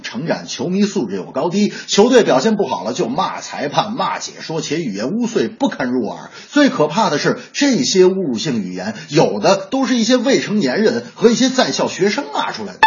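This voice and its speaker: A man hosting a comic radio commentary show who tells jokes and stories in the manner of a crosstalk comedian. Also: on the high side. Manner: joking storyteller, crosstalk-comedian delivery. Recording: slightly dull radio sound, faint music.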